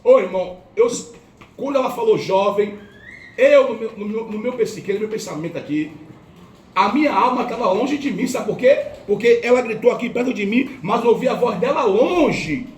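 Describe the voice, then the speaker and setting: Brazilian man, impassioned testimony, high voice, repeats phrases, echoey room, off-mic. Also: expressive, normal speed. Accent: Brazilian Portuguese. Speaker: lay preacher giving testimony. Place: home worship gathering indoors. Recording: roomy, distant, faint noise.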